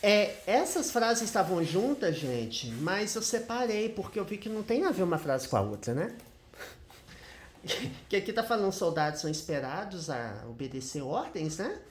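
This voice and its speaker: A Brazilian man walks viewers through an English grammar lesson in a chatty teaching voice. His pitch swings up and down, and he keeps checking in with them as he goes. The recording has a noticeable roomy echo. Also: sing-song, normal speed, slight background noise. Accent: Brazilian Portuguese. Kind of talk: screen-share grammar lesson.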